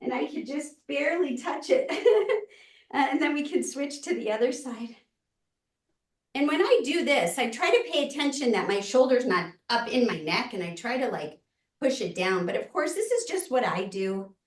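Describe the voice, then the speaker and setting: Easygoing and encouraging, a woman hosting a live online exercise class gently guides stretches from an indoor room. She has a high, sing-song voice at normal speed, recorded by a camera microphone at a distance with room echo.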